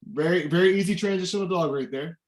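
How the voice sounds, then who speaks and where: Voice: medium pitch, fast talker. A host running a virtual adoption event on a video call, upbeat and talking straight to viewers as guys. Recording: echoey room on video call.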